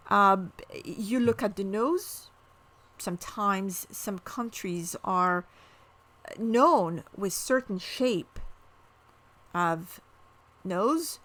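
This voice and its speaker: Lively woman explaining cultures. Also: fairly high pitch. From Morocco. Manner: explains with examples, asks viewer questions. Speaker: cultural diversity educator. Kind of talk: educational talk to camera.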